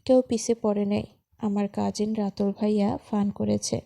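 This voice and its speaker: A woman's voice: medium pitch, level tone, normal speed, gravelly, warm tone, close to an everyday voice. A woman voicing a timid, easily cowed young woman in a storybook romance, speaking meekly. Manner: meek, mumbling.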